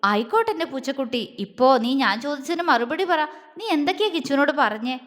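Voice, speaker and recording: A woman voicing a tender young man who speaks softly and coaxingly to his beloved in an audio story. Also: sits high, expressive, brisk. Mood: teasing. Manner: soft, coaxing, affectionate.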